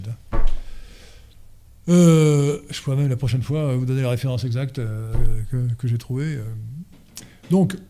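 A man's voice: medium pitch, dark tone. A man giving a conference lecture and answering audience questions, hesitant and full of fillers and restarts, then driving his points home emphatically.

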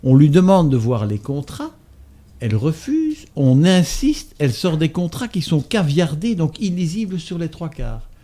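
Man, mellow warm voice, measured, matter-of-fact, interview guest. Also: a little high, very animated. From Belgium. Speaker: doctor and author, guest. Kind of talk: interview conversation.

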